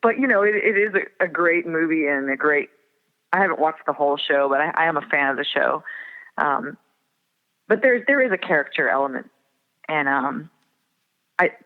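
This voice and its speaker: A woman in her forties from the northern prairie, reflective and often laughing softly as an interview guest. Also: sits low, animated, moderate pace, pauses often. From Minnesota and North Dakota border area. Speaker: guest singer-songwriter. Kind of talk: casual interview chat. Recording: tinny phone-like line with long reverb.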